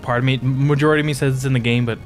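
Casual male gamer, mid-pitched voice. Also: fairly even intonation, racing, slight background noise. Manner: informal, sweary. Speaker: let's play co-host. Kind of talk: casual gaming commentary.

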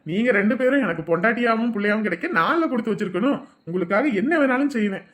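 A man's voice: high voice, expressive, rapid-fire, fairly bright tone. An actor playing a devoted husband and father who speaks earnestly and reassuringly.

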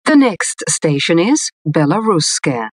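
A woman reading formal, scripted subway announcements in clearly separated phrases. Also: lowish voice, big pitch swings, takes it slowly, dry recording, clean studio sound.

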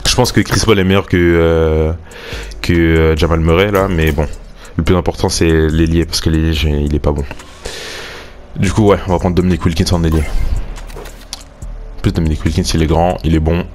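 A young man casually commenting on a sports video game, thinking aloud and getting excited over pack openings. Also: extremely low pitch, moderate pace, soft background music. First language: French. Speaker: gaming YouTuber.

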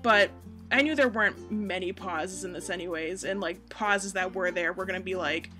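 A woman's voice: on the low side, normal speed, sharp tone. A young American woman giving casual, rambling, self-deprecating voice-over commentary as a gaming YouTuber. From United States. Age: young adult. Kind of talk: casual chatty voice-over commentary on game footage. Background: music.

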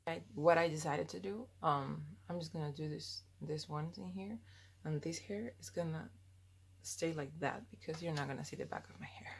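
A woman's voice: low voice, moderate pace, vocal fry, slight background noise. A young woman at home rambling through a casual behind-the-scenes vlog as she does her hair and makeup, laughing at herself in a self-deprecating way. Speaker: vlogger.

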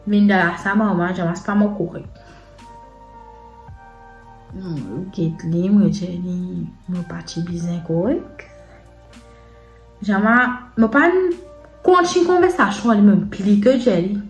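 A woman with a Mauritian Creole accent telling a personal story in a casual storytime vlog, in halting, repetitive phrases with many pauses. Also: mid-range voice. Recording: roomy echo with faint background music. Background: faint sad music.

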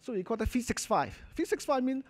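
Fairly quick and very high, with big swings in pitch, the voice belongs to a middle-aged Hong Kong Cantonese-accented man talking as a doctor. He gives an informal, emphatic conference talk at a hotel function hall podium in short, choppy phrases, often ending with "okay?" or "you know."

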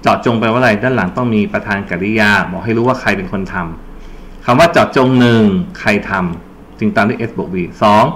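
Man, tutor, exam-prep lesson, step-by-step explaining, prompts students, mid pitch, faint noise. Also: brisk, fairly bright tone. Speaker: English tutor.

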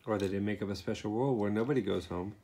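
A man's voice: on the low side, rapid-fire, creaky, dark tone, slight background noise. A man, a father, casually asking short prompting questions in a chat at home. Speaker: father interviewing his child. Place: living room at home. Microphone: phone, speaker behind the camera.

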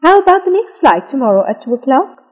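A woman reading the lines of a scripted English lesson dialogue, slowly and with careful enunciation. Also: high voice, very animated, in a large hall. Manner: slow, careful, clearly enunciated delivery.

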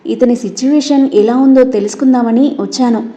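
A woman's voice: fairly high pitch, brisk, warm tone, natural voice. Viraj, a woman reading as a scheming young villain. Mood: defensive.

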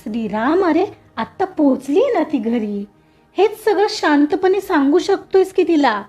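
A woman voicing a calm reasoning father. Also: high-pitched, measured pace, faint music behind.

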